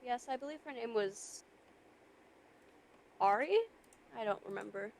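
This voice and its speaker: A woman with a fairly high voice, speaking in character as a shopkeeper during game role-play. Her delivery is dry and matter-of-fact, and she sometimes breaks character with a blunt aside. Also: measured pace, slight background noise.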